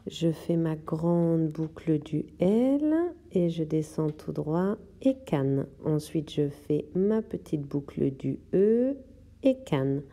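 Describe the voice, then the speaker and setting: A woman guides young children through handwriting, narrating each stroke in slow, careful steps. Her voice is deeply mellow and dark in tone, and she takes her time, unhurried and patient in delivery. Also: sing-song. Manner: slow, step-by-step instructions while writing. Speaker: teacher. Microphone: tablet microphone.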